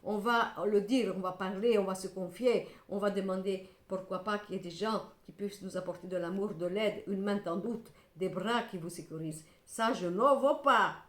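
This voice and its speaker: A woman's voice: medium pitch, fairly even intonation, normal speed, few pauses. Middle-aged woman tarot reader, emphatic, scolding then consoling, in an echoey room. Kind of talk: tarot reading to camera.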